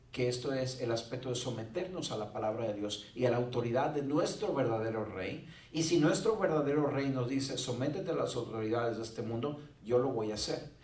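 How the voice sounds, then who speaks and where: A man's voice: medium pitch, darkish tone. Man preaching in a roomy church. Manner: conversational preaching with joking asides. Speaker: pastor. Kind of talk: sermon. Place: church sanctuary. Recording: roomy church sound from a distant mic.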